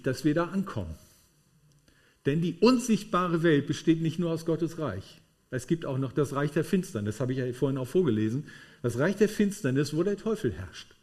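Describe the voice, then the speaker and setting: Man, preacher, sermon to a congregation, emphatic, fairly high pitch. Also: darkish tone. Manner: emphatic, addresses congregation with tag questions. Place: room with a congregation.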